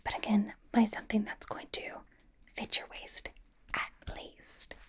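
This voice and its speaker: In a whispered ASMR roleplay, a woman plays a bubbly, doting young pop idol stylist. She sounds breathy, playful, and reassuring, with chatty asides, an unhurried pace, and a slightly bright tone.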